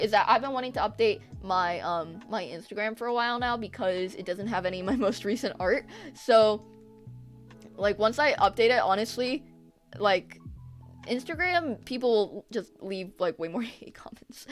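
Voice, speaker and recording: Rambling young woman streamer. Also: mid-range voice. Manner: rambling, swears often, loses her train of thought; animated rants with laughter. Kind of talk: casual live-stream chat.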